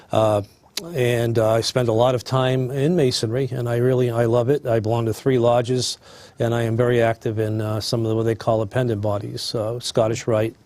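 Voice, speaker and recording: A man in his sixties introduces himself on a panel. His voice sits at a middle pitch. He speaks warmly and hesitantly, filling pauses with "uh.". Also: no room sound. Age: 60s.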